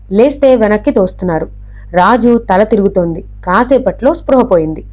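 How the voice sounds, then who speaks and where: Mellow woman reading a novel aloud. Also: mid-range voice. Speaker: narrator.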